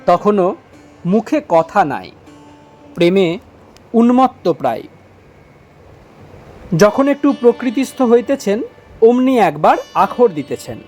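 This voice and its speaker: Man narrator, high voice, unhurried devotional reading, soft guitar underneath. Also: sing-song. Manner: slow, measured recitation. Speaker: reader.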